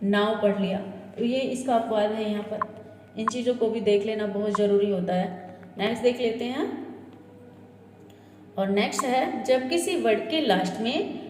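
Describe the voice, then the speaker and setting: A woman with a fairly high, mellow voice teaches pronunciation at a slow, patient pace. She repeats each example word and checks in often with her listeners. The room is echoey, with a long reverb and a faint hiss behind her. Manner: slow, repetitive drilling of example words; checks in with "ठीक है" and "है ना". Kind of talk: classroom-style lesson explaining word sounds.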